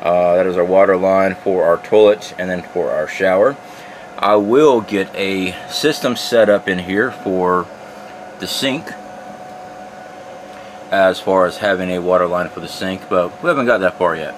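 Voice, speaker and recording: Low-pitched and measured, a middle-aged vlogger leads a casual handheld tour around and inside a small trailer, talking to his "guys" in a plain, folksy style. Recorded on a handheld camera or phone mic, the audio is noisy, carrying outdoor and fan hum.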